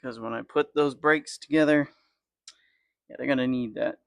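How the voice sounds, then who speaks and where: A man's voice: mid-range voice, fairly even intonation, normal speed, gravelly, fairly bright tone, dry recording. A young man casually narrating a car repair in his garage, swearing and muttering to himself as he works. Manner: swears freely, muttering and complaining while wrenching. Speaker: garage channel host. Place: home garage.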